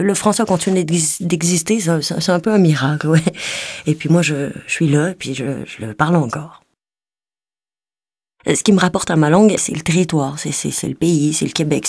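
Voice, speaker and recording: A theatre actress from Quebec with a Québécois French accent, tinged with Swiss Jura, talking casually and reflectively, with light laughs now and then. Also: female voice, low voice, dark tone, no room sound, clean studio sound. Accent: Québécois French, slightly mixed with Swiss Jura. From Quebec, Canada. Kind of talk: casual personal talk.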